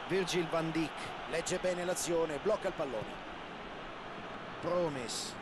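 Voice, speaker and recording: A man with an Italian accent giving football play-by-play for a video game, in short clipped phrases with bursts of excitement. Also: fairly high pitch, slow pace, heavy background noise. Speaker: football match commentator. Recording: loud stadium ambience behind the voice. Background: loud stadium ambience.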